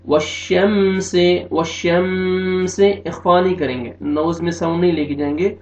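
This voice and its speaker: A man with an Urdu-speaking accent teaching Quran recitation, slowly drawing out verses and then explaining the rules in plain speech. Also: a little high, steady tone, darkish tone, soft background music. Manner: slow drawn-out recitation between plain spoken explanations. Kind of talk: tajweed recitation lesson. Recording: echoey, dull lo-fi sound.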